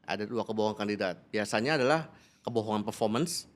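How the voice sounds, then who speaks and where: A man's voice: fairly low pitch, fast. A man who is a business coach, explaining in a podcast conversation, laughing often and acting out interview exchanges.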